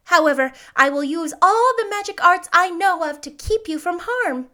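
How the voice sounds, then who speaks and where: A woman's voice: very high-pitched, lively intonation, moderate pace, sharp tone, pitched above the performer's own voice, heavily acted. A woman voicing a kind, solemn little old witch in a storybook reading. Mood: kindly, advising. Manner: solemn, instructive.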